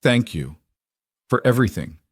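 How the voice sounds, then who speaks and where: A man's voice: mid-range voice, very animated, normal speed, breathy edge, no echo, clean studio sound. A man voicing an eager young ranch hand who speaks hopefully and a little shyly.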